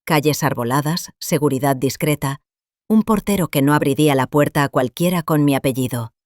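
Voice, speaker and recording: An older woman calmly narrating her own story in the first person, measured and scripted. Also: sits low, dry recording, clean studio sound.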